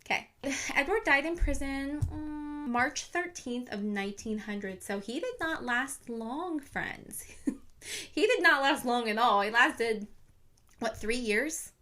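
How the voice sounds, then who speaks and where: A woman's voice: high voice, animated, slow pace, pushed and bright. A young woman casually retelling a true crime story to her viewers on camera, chatty and full of fillers. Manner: chatty, lots of "like", talks to viewers.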